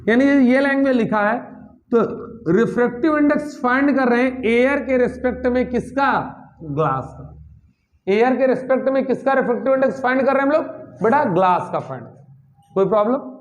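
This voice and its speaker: A man's voice: very high-pitched, expressive, brisk. A man teaching a physics class, asking his students questions and answering them himself, repeating key terms. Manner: mixes English terms into Hindi, repeats key words. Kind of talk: classroom lecture.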